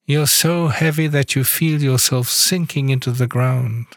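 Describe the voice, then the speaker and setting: Male meditation guide, unhurried and soothing, mid-pitched voice, dry close sound. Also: gravelly, no room sound. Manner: calm, soft-spoken instructions with long pauses.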